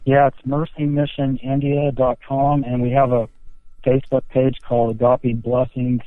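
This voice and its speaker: A man's voice: medium pitch, flat delivery, moderate pace, no echo. Man on a muffled, cup-like phone line. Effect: muffled phone line, like talking into a cup. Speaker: caller, missionary. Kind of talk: casual on-air chat.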